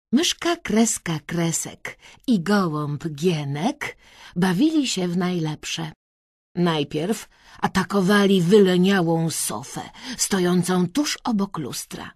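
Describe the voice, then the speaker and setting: A woman narrates a children's audiobook, taking her time over every phrase. Her slightly high voice rises and falls with lots of expression. The close studio mic gives a dry, intimate sound. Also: husky, dry recording. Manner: slow, expressive storytelling.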